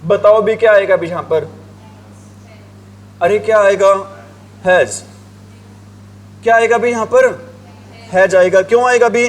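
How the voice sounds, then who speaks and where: A man's voice: high-pitched, fairly even intonation, unhurried, long pauses. A male teacher giving a grammar lesson, asking the class the same questions over and over and answering them himself. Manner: drills the class with repeated questions, writing on a board. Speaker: English teacher.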